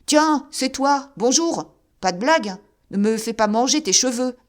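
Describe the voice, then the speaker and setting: A woman voicing a delirious drunk man who yells frantically in rough slang. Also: medium pitch, unhurried, lightly acted. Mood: raving.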